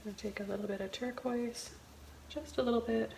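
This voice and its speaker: A woman giving a casual step-by-step painting tutorial as a gentle, easygoing instructor. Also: on the high side, steady tone, brisk, gravelly. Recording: roomy echo, faint background noise.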